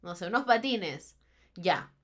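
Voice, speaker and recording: A woman's voice: lowish voice, expressive, takes it slowly. A young Peruvian woman co-hosting a casual chat, slangy and joking, swearing freely. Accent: Peruvian Spanish. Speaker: podcast co-host.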